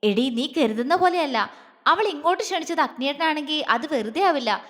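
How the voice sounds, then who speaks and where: A woman voicing a fierce, blunt young female friend who speaks angrily and sharply. Her voice is high. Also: animated, moderate pace, big-room sound. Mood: indignant. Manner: angry, sharp-tongued.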